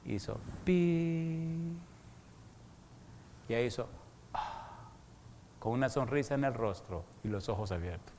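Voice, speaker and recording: A man's voice: medium pitch, slight background noise. A man preaching as a pastor, telling a story dramatically and speaking bluntly. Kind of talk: evangelistic sermon. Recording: long hall reverb.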